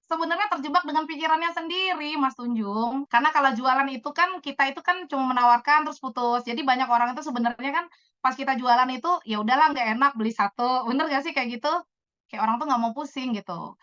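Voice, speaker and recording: Bright high-pitched chatty woman. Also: no room sound, dull audio. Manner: lively, chatty storyteller, animated emphasis. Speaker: business speaker answering questions. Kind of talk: casual talk-show answers.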